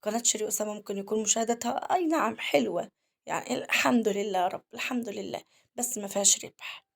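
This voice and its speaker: Fast-talking gravelly Egyptian woman. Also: mid-range voice. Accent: Egyptian Arabic. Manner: talks fast, keeps addressing viewers directly. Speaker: home vlogger. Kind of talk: chatty storytelling to viewers while cleaning. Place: at home, in the kitchen.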